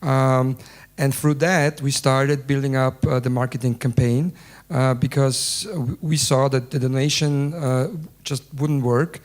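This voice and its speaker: A man's voice: mid-range voice, steady tone, unhurried. A man speaking as a newsroom founder on a panel, answering hesitantly and reflectively. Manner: hesitant, reflective, clears throat.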